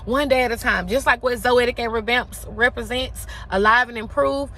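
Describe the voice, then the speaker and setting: A woman's voice: a little high, normal speed, a bit bright, slight background noise. A woman around forty giving an emphatic, impassioned motivational talk, repeating phrases for effect.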